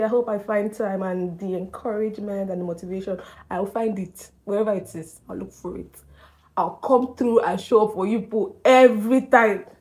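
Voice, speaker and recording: A woman's voice: medium pitch, darkish tone. A young woman vlogging to camera in a chatty, emphatic way, laughing often, a little nervous and slightly out of breath. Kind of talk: casual talk to camera.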